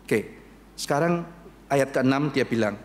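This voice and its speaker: A man preaching a sermon as pastor, animated and acting out bits of dialogue as he addresses the congregation. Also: mid-range voice, measured pace. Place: church.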